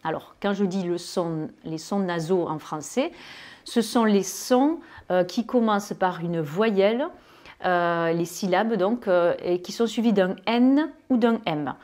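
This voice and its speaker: A woman with a southern French accent teaching English pronunciation to French speakers, with many fillers and pauses, who draws out her English example words. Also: mid-range voice, a little mellow. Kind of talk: spoken lesson.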